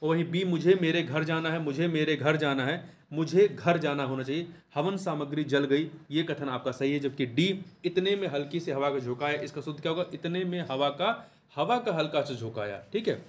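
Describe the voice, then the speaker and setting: A man teaching an exam lesson, going through answers and spelling them out, repeating the key words and asking quick questions that he answers himself. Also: fairly high pitch.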